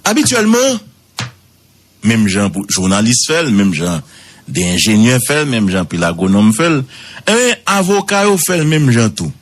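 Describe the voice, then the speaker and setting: A man with a Haitian accent giving radio commentary, swooping high for emphasis and repeating words. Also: sing-song, a little slow, slight background noise.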